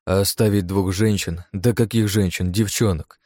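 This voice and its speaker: A man reading a first-person adventure audiobook in a steady, measured storytelling voice. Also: sits low. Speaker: audiobook narrator. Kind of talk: first-person scripted narration.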